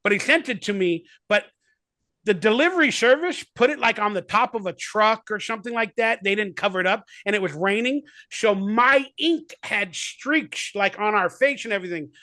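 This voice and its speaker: This man in his forties, a guest actor in a casual remote video-call interview, has a voice that sits high with a sharp tone, speaking at normal speed with no room sound. His talk is rambling and enthusiastic, packed with fillers.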